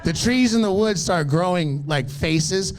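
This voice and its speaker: Profane stand-up comic, thirties. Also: male voice, high voice, measured pace. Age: 30s. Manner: profane, animated storytelling with crowd asides. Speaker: stand-up comedian. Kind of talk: stand-up comedy set.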